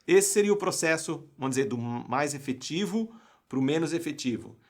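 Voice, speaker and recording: A man's voice: a little high, lively intonation, normal speed. A young Brazilian man, an English teacher and coach, giving a live online class in an emphatic way and often asking his viewers rhetorical questions.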